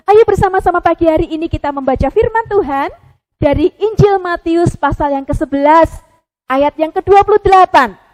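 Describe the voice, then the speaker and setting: A woman, a children's church teacher, telling a story directly to young children in a lively way. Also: very high voice.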